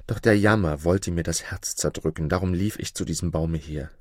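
A sorrowful young maid, as a male narrator puts her on, lamenting with her voice lifted higher than his own. The storybook reading sounds dry and close. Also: moderate pace, no echo. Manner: lamenting, tearful. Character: grieving young maid full of guilt.

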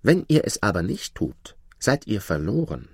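Storybook vizier, envious schemer, flattering then pushy, lowish dry voice, read by a man. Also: normal speed, vocal fry, slightly rough, no room sound, full character voice. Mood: insistent. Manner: flattering, insistent. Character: scheming envious male vizier, smooth-tongued.

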